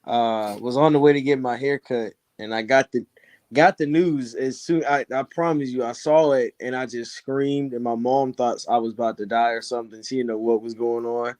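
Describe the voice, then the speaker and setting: A man co-hosting a sports podcast, hoarse from screaming, telling stories in an animated, excitable way. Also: mid-range voice, no echo. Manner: animated storytelling, fast and excitable. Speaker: podcast co-host.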